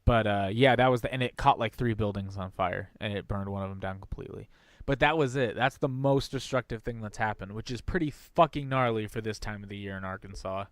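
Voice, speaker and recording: A man's voice: on the low side, brisk, no room sound. A man chatting casually as a podcast co-host, laid-back, slangy and often hedging. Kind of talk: casual chat.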